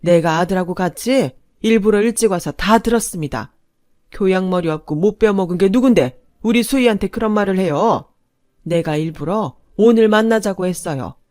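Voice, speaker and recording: A woman voicing a wealthy, dignified elderly grandmother who speaks in a crisp, sharp, commanding tone. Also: medium pitch, dry recording, studio quality, natural voice.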